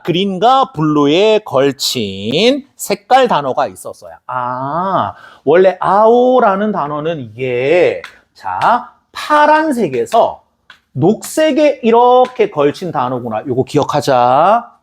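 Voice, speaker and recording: A husky male teacher gives a recorded lecture, his pitch leaping up and down as he spells out words in bouncing syllables. He chats with his students and breaks off into joking asides before drilling vocabulary again. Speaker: English teacher. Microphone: camera recording a lecture.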